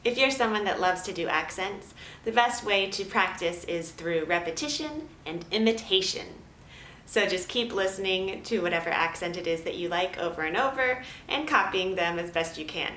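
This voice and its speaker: A woman teaching a children's drama lesson in a gentle, clear, instructive way. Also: fairly low pitch, expressive, moderate pace, a little hiss or hum. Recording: roomy echo, faint ambience.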